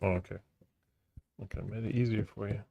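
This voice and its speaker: Man, mellow dark tone, gravelly fry, casual chat, board game player. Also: on the low side, steady tone, fairly quick, dull audio.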